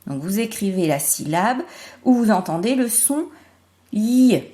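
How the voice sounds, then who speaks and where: A woman teacher giving a remote phonics lesson to young children, slowly spelling out syllables and sounds. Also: mid-range voice, animated, dark tone. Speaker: primary school teacher.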